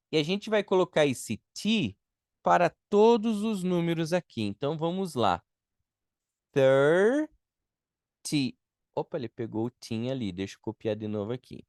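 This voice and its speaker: A man's voice: a little high, dry recording, studio quality. A man with a Brazilian Portuguese accent teaching a live online beginner class, patiently repeating words to model their pronunciation. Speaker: English teacher.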